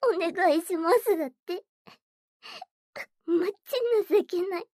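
A mocking, coy young stepsister, played by a woman, in a whispered role-play. Her voice sits high, and she drawls her taunts slowly and playfully. The sound is close and dry, with no room around it. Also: a little mellow, no echo. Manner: taunting, giggly, coaxing.

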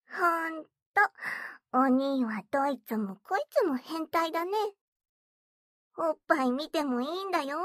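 A mocking, coy young stepsister, played by a woman, in a whispered role-play. Her voice sits high, and she drawls her taunts slowly and playfully. The sound is close and dry, with no room around it. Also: fairly bright tone, dry recording. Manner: taunting, giggly, coaxing.

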